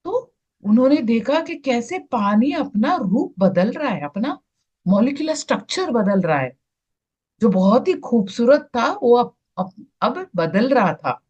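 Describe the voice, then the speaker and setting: Indian woman teaching online, slow and measured, slightly high voice, pauses to find words. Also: sing-song, darkish tone, breathy edge, lo-fi sound. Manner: slow, searching for words, screen-sharing as she talks. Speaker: spiritual teacher. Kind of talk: explaining to an online group.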